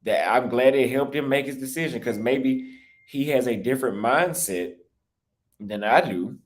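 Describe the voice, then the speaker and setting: Medium-pitched and at normal speed, this young man from the United States livestreams as a travel vlogger, reading super chats. He talks casually and defensively in long, rambling stretches with restarts, his voice slightly cracked.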